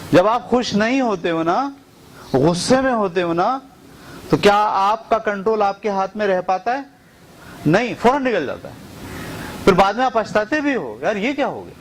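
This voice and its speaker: A man's voice: on the high side, slight background noise, poor audio. A middle-aged man teaching a motivational training session, asking rhetorical questions and acting out the voices he quotes. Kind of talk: motivational lecture.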